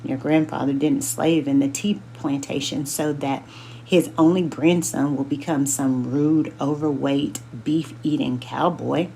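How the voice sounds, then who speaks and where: A woman's voice: low-pitched, fairly even intonation, unhurried, gravelly, mellow, slight background noise. A woman voicing a proud, stern elderly grandmother scolding her grandson in a storybook read-aloud.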